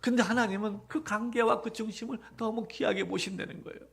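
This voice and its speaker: A male pastor with a notably high voice delivers a live Sunday sermon in a church sanctuary. He quizzes the congregation with rhetorical questions and swells from soft, reflective passages into loud, insistent exhortation. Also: steady tone, fairly quick, gravelly.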